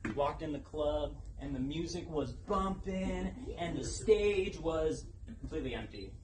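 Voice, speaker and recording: A man's voice: on the high side, lively intonation. Young man's dramatic speech, noisy live recording. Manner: dramatic, deliberate delivery with pauses for effect. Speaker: contestant in a speech competition. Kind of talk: rehearsed personal storytelling speech. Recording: noticeable background noise, live event ambience.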